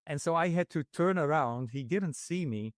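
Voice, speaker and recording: A man from the Netherlands hosting a podcast interview, telling stories in a halting, self-deprecating way. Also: on the high side, animated, dry recording, studio quality. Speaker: podcast host. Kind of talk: casual interview chat.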